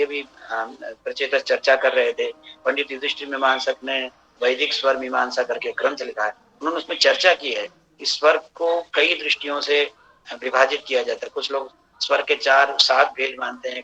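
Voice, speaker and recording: A man's voice: medium pitch, vocal fry, sharp tone, slightly rough. A man lecturing in a seminar, explaining step by step and often restarting his phrases. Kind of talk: academic lecture. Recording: dull lo-fi recording.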